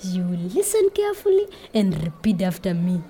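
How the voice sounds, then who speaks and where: A woman's voice: mid-range voice, big pitch swings, moderate pace, very noisy. A woman teaching a group of children, speaking in an encouraging, sing-song way. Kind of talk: children's lesson.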